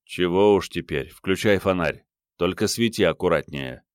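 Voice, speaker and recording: A male audiobook reader voicing a curt, gruff, tired man who leads a small squad. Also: deep voice, normal speed, no room sound, clean studio sound, lightly acted.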